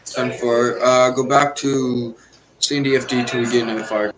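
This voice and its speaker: Mid-pitched man giving short radio replies. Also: steady tone, normal speed, noisy background. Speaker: fire helicopter role-player. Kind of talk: radio chatter in an online role-play game.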